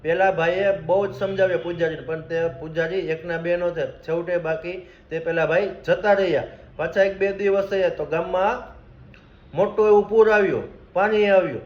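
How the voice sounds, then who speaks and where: Male storyteller, high voice, chatty moral-tale narration, echoey room, slightly muffled recording. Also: fairly even intonation, normal speed. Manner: plain, conversational retelling with direct asides to listeners.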